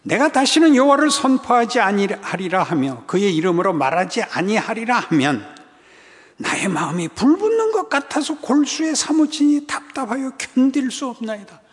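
A male pastor preaching a sermon, swinging dramatically between loud emphatic lines and hushed whispers. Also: extremely high pitch, very animated, moderate pace, long reverb tail.

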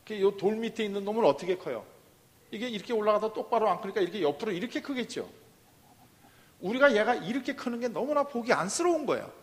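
A man delivers a sermon from the pulpit, his voice pitched high for a man. He keeps asking the congregation questions and then answering them himself. The sound carries the long reverb of a large hall. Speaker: pastor.

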